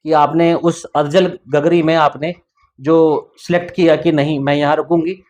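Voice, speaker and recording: A man's voice: fairly high pitch, little pitch movement, unhurried, darkish tone. Encouraging male podcast host. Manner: encouraging, preachy. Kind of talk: motivational interview talk.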